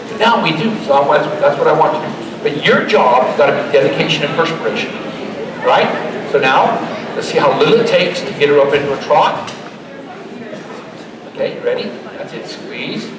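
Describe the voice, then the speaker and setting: A middle-aged man giving a live demonstration and pitch to an audience in a folksy, joking, motivational way, as a trainer. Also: a little fast. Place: large indoor horse expo arena. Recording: echoey expo hall, distant, crowd noise. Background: crowd.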